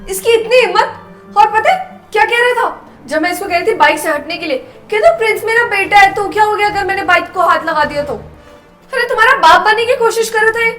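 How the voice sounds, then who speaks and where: A woman's voice: very high voice, bright, forceful tone. A young woman acting in a scripted skit, talking in a scornful, scolding, arrogant way. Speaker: actress in a short drama.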